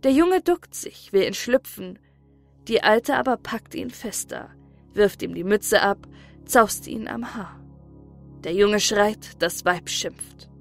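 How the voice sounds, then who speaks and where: Calm woman reading an audiobook. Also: medium pitch, takes it slowly, creaky, soft background music. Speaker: narrator. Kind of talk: audiobook narration of a classic story.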